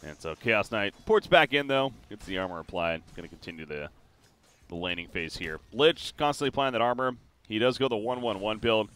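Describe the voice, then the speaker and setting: A man casting a live competitive video game match, calling the plays quickly and getting excited at the big moments, with frequent fillers and restarts. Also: on the low side, clean tone. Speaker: esports caster.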